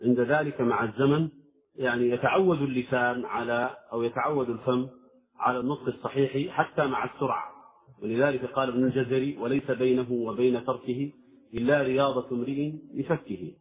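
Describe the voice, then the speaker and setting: A man teaching Quran recitation, slow and deliberate, drawing out words to show how each sound should be said. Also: medium pitch, fairly even intonation. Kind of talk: tajweed lesson with recited examples. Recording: tinny phone-like recording.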